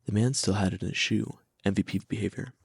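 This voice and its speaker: A man's voice: fairly low pitch, fairly even intonation, quick pace, gravelly, husky, dry recording. A young man narrating a first-person story in a wry, slangy, scripted storytime style.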